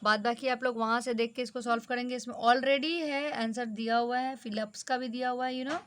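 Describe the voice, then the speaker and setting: A woman with a fairly high voice teaches an exam-focused lesson in a brisk, instructive way. She slips English terms into her explanations as she tells students what to learn. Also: steady tone, a bit bright.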